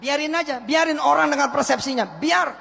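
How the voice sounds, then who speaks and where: A man preaching a lively motivational sermon, coaxing the audience to repeat after him. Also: very high-pitched, fairly quick, creaky. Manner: energetic, coaxes the crowd into call-and-response. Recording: echoey hall with faint hiss.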